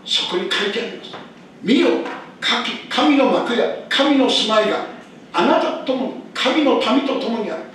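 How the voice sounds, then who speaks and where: Older male pastor, high and very lively delivery, emphatic sermon, heard from afar in a church hall. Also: moderate pace. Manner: emphatic preaching, repeats key phrases. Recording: echoey church hall, distant mic, faint noise.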